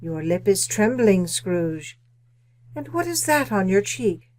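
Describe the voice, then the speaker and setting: A woman playing a solemn, probing spirit guide in old-time radio drama style, questioning and commanding with deliberate delivery. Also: mid-range voice, sing-song, darkish tone.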